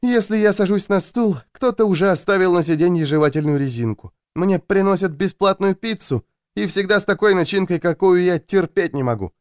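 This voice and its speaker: A frazzled, jumpy woman who is sure she is being hunted, as a male reader puts her on in an audiobook. Her voice sits high and swings widely as she complains in a plaintive, wounded tone. The recording is close and dry. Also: expressive, brisk, hardly any pauses, a little mellow, no room sound.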